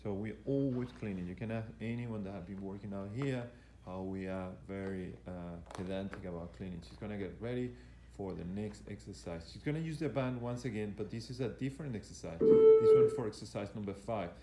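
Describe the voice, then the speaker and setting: A man's voice: lowish voice, a little fast, hardly any pauses. A man working as a fitness coach explains exercises as they are demonstrated, in a hesitant, repetitive, instructional way. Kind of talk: live exercise demonstration commentary. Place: indoor gym. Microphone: handheld camera operated by the speaker. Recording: echoey room, faint background noise.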